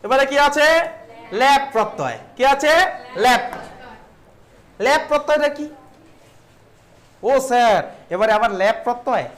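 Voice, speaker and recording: A man with a strikingly high-pitched voice leads a grammar lesson. He keeps asking his students questions and supplying the answers himself. He repeats key terms and draws out words slowly to model how they should be pronounced. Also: lively intonation, a bit bright. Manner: stretches out words to model their pronunciation. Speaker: teacher.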